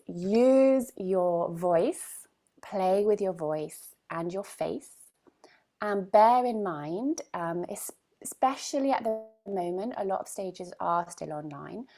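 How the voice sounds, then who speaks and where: A woman's voice: on the low side, creaky, a little mellow. A woman coaching a group in a live online session, speaking emphatically and often checking in with "right?". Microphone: video call.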